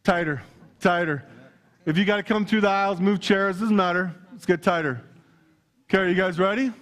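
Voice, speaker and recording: A Canadian pastor with a notably high-pitched voice delivers a lively sermon. He is playful and energetic, talking straight to the people in the pews of a church hall. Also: a little fast. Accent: Canadian English. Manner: energetic, playful, talks directly to congregation.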